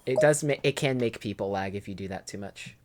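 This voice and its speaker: Very deep-voiced young woman game master. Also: fairly quick, background noise. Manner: chatty, organizing players with frequent "um"s. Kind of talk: running a tabletop game over voice chat.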